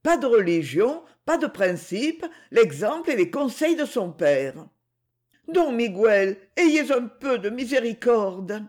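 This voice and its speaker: A reader voicing a gentle, pious young woman who speaks softly and pleads. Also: high-pitched, very animated, takes it slowly, exaggerated voice. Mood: pleading. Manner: soft, pleading.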